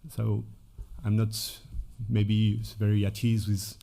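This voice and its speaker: A man's voice: lowish voice, monotone, slow, gravelly, mellow. A man giving a conference talk. He hesitates often, with many fillers and self-corrections. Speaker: conference presenter. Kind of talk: conference talk with scripted dialogue. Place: conference room.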